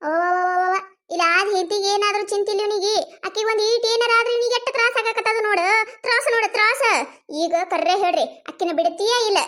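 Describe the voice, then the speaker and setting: A woman with a North Karnataka Kannada accent voicing a loud, quarrelsome village wife in a cartoon comedy, scolding, mocking and wailing. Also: very high-pitched, fast.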